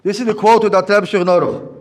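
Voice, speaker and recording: Rabbi, male, high voice, teacherly, restates points, roomy echo. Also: steady tone, very fast. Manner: teacherly, repeats and restates phrases. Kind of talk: Torah lesson with storytelling. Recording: echoey room.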